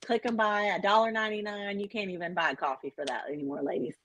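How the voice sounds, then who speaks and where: A middle-aged woman health coach and author, chatting in an interview in an animated, self-deprecating way with many fillers. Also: mid-range voice, fast talker, a little hiss or hum. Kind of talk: casual interview chat.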